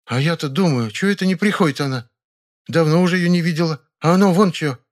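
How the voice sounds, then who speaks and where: A man's voice: a little high, quick pace, voice pushed up, lightly acted. Blunt, plain-spoken older housekeeper woman, a bit raised, read by a male narrator. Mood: worried.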